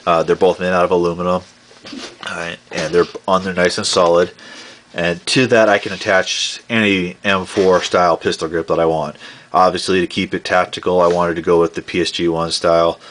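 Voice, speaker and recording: A congested, sniffly man casually walking through his homemade gear build, with many pauses and "uh" fillers. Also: low voice, level tone, a bit bright, slight background noise. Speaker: airsoft modding vlogger. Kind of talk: casual show-and-tell walkthrough.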